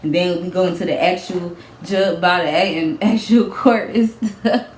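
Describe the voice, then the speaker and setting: A young woman, telling a casual storytime vlog with lively, animated delivery and frequent laughs. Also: on the low side, moderate pace. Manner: animated storytelling, acts out quotes, laughs often. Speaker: vlogger. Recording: echoey room, faint background noise.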